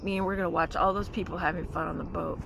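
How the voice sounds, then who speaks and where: A woman vlogger tells a story casually at a forest campsite beside a car, sprinkling in plenty of "like" and "you know". She talks fast in a lowish, steady voice with vocal fry. Outdoor noise and vehicle hum fill the background.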